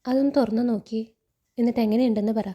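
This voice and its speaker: A woman's voice: fairly high pitch, steady tone, quick pace, dark tone, slightly rough. Woman reading a fatherly, firm older man. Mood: firm kind.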